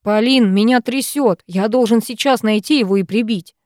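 A woman reading the lines of a protective, furious young man in an audiobook, forceful and commanding. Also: on the high side, normal speed, dry recording, clean studio sound, lightly acted.

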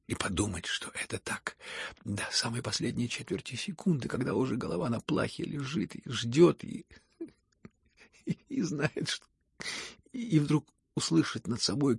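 A man with a husky, gravelly voice voicing a gentle young prince who speaks thoughtfully and often sinks into a whisper. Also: mid-range voice, no echo, clean studio sound, exaggerated voice. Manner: musing, slows down and drops to a whisper.

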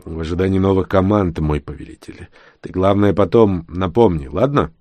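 A man's voice: low-pitched, moderate pace, a little mellow, dry recording. A man voicing a laconic, sarcastic man who mutters his replies in an audiobook. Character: grumbling, laconic man following orders.

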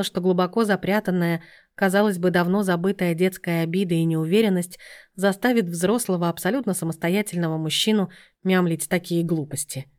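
A woman's voice: lowish voice, darkish tone. A woman narrating an audiobook, reading expressively and acting out the dialogue.

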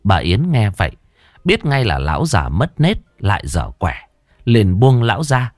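Playful male comic storyteller, lively delivery. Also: lowish voice, measured pace, no room sound, studio quality. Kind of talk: comic folk-tale narration.

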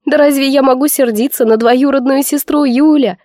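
A woman voicing a weepy, heartbroken young noblewoman in an audiobook, speaking in a high, pleading, tearful voice. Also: steady tone, moderate pace, dark tone, no echo, clean studio sound, natural voice. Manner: sobbing, pleading, high-pitched. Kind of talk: audiobook character voice.

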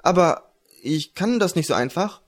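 A man's voice: high-pitched, animated, moderate pace. A man voicing a nervous sixteen-year-old apprentice boy who sounds unsure and defensive in a fantasy audiobook. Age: teen.

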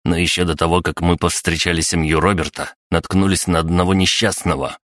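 A man's voice: sits low, steady tone, fairly quick, fairly bright tone, dry recording. A man voicing a scheming young male prodigy telling a grim story to a crowd. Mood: earnest.

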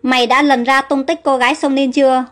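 A woman's voice: sits high, level tone, fairly quick, a bit bright. A woman voicing a stern, commanding ruler in an audio storybook. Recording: faint music underneath.

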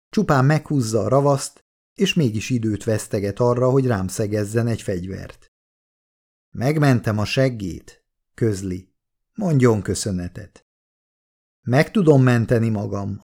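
A man narrating an audiobook in the first person, with a steady, measured reading. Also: mid-range voice.

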